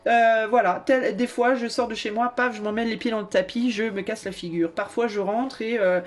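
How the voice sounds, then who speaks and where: A woman voicing a restless male tarot card who rambles about always rushing and crashing into things, full of hesitant restarts. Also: a little high, fairly even intonation, natural voice. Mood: flustered.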